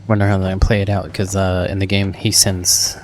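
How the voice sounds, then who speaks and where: A man with a fairly low voice hosts a reaction video. He talks in a loose, chatty way, thinks out loud and laughs often while he comments. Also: little pitch movement, moderate pace, soft background music.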